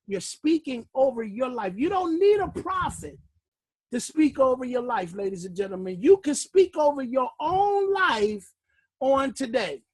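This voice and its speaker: A man leading a class on a recorded call, delivering it like a fiery preacher, shouting one moment and murmuring the next, and out of breath. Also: very high voice, no room sound. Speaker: class leader. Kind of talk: motivational teaching call.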